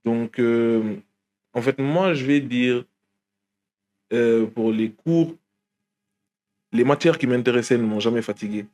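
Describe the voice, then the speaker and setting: A man's voice: medium pitch, takes it slowly, pauses often, a little mellow. A young man from Guinea, a rapper, talking casually in an interview with many fillers and restarts. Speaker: rapper guest.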